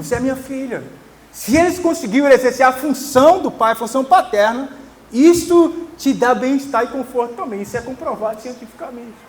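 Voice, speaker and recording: High-voiced earnest preaching man. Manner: earnest, emphatic preaching with soft tender asides. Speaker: pastor. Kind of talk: sermon.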